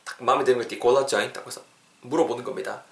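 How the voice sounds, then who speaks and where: A man teaching English phrases in a podcast lesson, chatting and encouraging listeners, slowing down to drill each phrase. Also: medium pitch, gravelly, a little hiss or hum. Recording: roomy echo.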